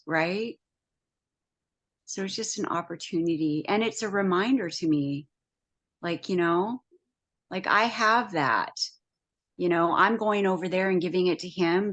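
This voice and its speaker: A woman sharing reflectively in a peer support call, speaking softly with many fillers over a phone. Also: medium pitch. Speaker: peer support group member. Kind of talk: casual spiritual sharing on a video call. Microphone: phone on a video call.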